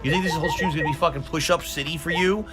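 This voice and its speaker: A man's voice: a little high, steady tone, rapid-fire, loud music behind the voice. A man talking bluntly and combatively as a streamer, in casual livestream talk. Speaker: video game streamer.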